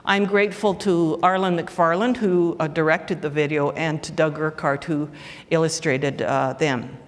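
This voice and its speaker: A woman giving a conference talk, hesitant and full of fillers. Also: fairly low pitch. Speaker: conference presenter. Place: conference hall. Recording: reverberant conference hall.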